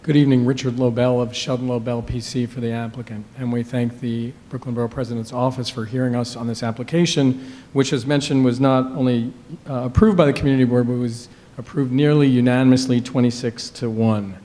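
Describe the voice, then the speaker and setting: A man presenting an application as an attorney at a public hearing, measured and full of "uh" fillers, in a courtroom-style recording. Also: mid-range voice, fairly even intonation, warm tone. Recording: long reverb of a hearing room.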